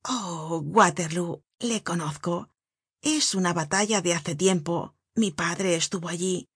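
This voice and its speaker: Woman doing a poor young girl, hoarse, guttural, brash, boastful, shy underneath, low voice, storybook reading. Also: takes it slowly, dry recording, clean studio sound, exaggerated voice. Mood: quiet, wistful. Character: poor, bold yet ashamed young woman.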